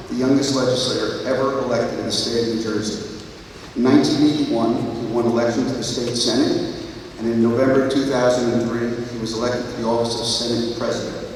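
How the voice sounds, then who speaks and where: A man giving a measured, earnest formal introduction at a school graduation. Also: medium pitch, a little hiss or hum. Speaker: commencement presenter. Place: large hall, far from mic. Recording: echoey hall from far off.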